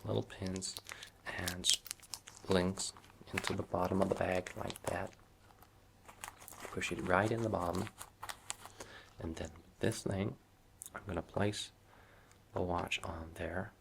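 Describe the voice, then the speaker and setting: A man doing a softly spoken ASMR role-play as a watch shop salesman, with reassuring customer-service patter in a low, gravelly voice. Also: fairly even intonation, slow, pauses often, background noise.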